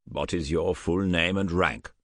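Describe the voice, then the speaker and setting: In an audiobook, a man with a deep voice, measured pace and fairly bright tone plays a shrewd, rotund British colonel in his sixties with a faint Scottish trace. The character probes drily with clipped questions. The recording has no room sound.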